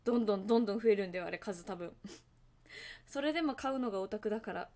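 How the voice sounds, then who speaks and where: A woman's voice: medium pitch, animated, quick pace, a little mellow. A woman hosting a casual livestream, chatting to her viewers in a rambling way and laughing at herself. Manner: hums and sings along to songs between topics. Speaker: livestream host.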